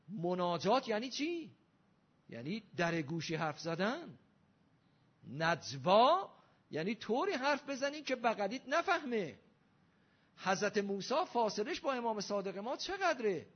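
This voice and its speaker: A man's voice: sits high, husky. A man giving a religious lecture, arguing with rhetorical questions and emphatic rising delivery. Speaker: Shia cleric lecturer. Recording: dull lo-fi recording.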